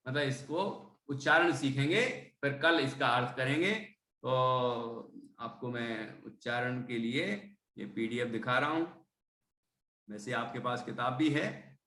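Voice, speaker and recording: A man teaching a religious text to students, explaining its meaning and chanting the verses slowly so they can repeat them. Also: on the high side, bright, forceful tone, reverberant. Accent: Hindi speaker from Indore, central India. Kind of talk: devotional text lesson with recitation.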